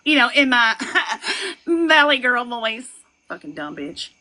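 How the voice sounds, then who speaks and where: A young woman on a live stream, ranting and gossiping in a loud, profane way, with laughs and shouted lines. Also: fairly high pitch, big pitch swings, takes it slowly, rough recording. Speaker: livestreamer. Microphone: phone.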